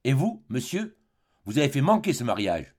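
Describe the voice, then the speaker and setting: A man's voice: mid-range voice, big pitch swings, moderate pace, a little mellow, breathy edge. A man reading the part of a dignified baroness in her late forties, speaking in a haughty, firm way in a storybook reading. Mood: reproachful.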